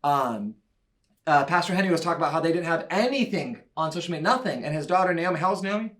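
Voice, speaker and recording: A man giving an enthusiastic, chatty breakout talk at a church conference, with quick asides and laughs. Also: fairly high pitch, lively intonation, fairly bright tone. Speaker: church media leader speaking at a conference breakout. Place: church breakout session room.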